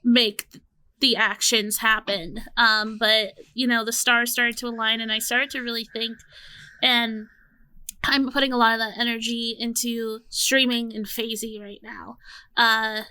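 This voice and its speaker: A woman in her late twenties chats on a podcast in a bright, forceful, smooth voice that sits a little high. She thinks aloud and restarts phrases as she goes. The sound is dry and close. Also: flat delivery, unhurried, dry recording. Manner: reflective, restarts phrases often. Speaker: podcast co-host. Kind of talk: casual chat.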